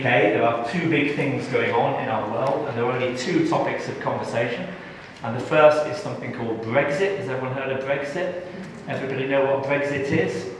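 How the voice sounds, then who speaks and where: A man's voice: mid-range voice, background noise. A middle-aged man from England giving a live tax training session, chatty and joking with the audience. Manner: jokey, chatty, engages the audience. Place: large training room. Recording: echoey hall from far off.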